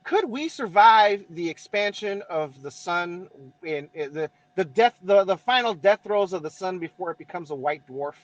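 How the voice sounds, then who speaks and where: In a casual podcast chat, a co-host from Southern California with a Mexican-American East LA accent talks at normal speed, his voice sitting high with lively intonation. He curses freely and punctuates explanations with "right?", and the recording is muffled but free of echo.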